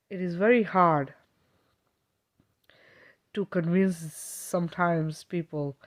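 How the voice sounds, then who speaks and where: With a deep voice, a woman from Kenya who works as a spiritual healer chats warmly with her live-stream audience. She keeps reassuring them and frequently tosses in "okay?" to check they're following.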